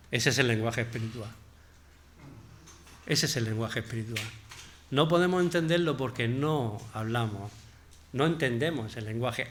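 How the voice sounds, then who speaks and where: Animated Spanish male preacher. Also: fairly high pitch. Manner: animated, conversational, swings from loud emphasis to quiet asides. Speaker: pastor. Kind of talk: sermon.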